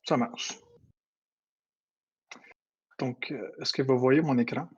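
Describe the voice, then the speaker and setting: Acadian man, flat delivery, lo-fi call. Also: mid-range voice, slightly rough. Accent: Acadian French. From New Brunswick. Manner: fast-talking, many hesitations. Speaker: guest presenter. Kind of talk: casual online presentation. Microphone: computer mic on a voice call. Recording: dull lo-fi call audio.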